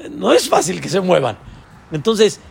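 A man, a rabbi, teaching a Torah lesson, asking his listeners rhetorical questions and jumping to a high voice when quoting figures. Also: sing-song, a little slow, gravelly, slightly rough. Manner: voices quoted figures with sudden high pitch.

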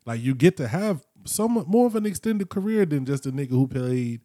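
A man in his late thirties co-hosting a podcast, talking in a slow, reflective, slangy way. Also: on the high side, lively intonation, dark tone, no room sound, studio quality. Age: 30s. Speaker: podcast co-host. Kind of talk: casual chat.

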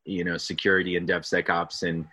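A man hosts a podcast interview in a chatty, self-deprecating way, laughing often. His voice is very low but bright. The sound is dry and close, with no room echo. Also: little pitch movement, a little fast. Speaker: podcast host. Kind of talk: casual interview.

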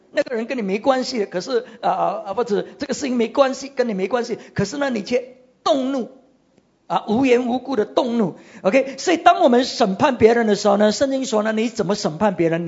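A preacher giving a sermon, retelling a scripture story with animated delivery and frequent "ah" fillers. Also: medium pitch, slightly rough, muffled recording.

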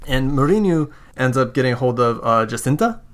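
A man's voice: medium pitch, expressive, fairly quick. A man hosting a podcast as game master, narrating in a casual, conversational way.

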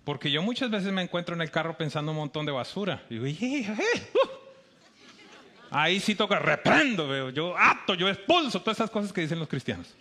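A man with a Bogotá Colombian accent giving an animated sermon, acting out quoted voices with emphatic rises. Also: fairly high pitch, fast, hardly any pauses. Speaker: preacher.

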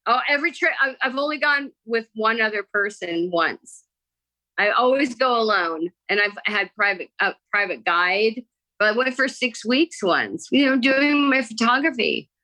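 A woman, an actress, chatting as a podcast guest, telling stories in an animated, excited way. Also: fairly high pitch, moderate pace, rough recording. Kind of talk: casual interview chat.

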